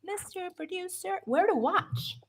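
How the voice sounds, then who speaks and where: A woman's voice: extremely high pitch, animated, unhurried. A woman co-hosting a live fan show, reading out match info in a playful, giggly way. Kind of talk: casual live-stream chat.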